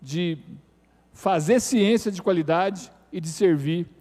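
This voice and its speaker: Rector type, middle-aged man, formal tribune speech, earnest and a little halting, high-pitched, long hall echo. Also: dark tone. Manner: earnest appeal with hesitant restarts. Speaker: university rector. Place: city council chamber. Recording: reverberant council chamber.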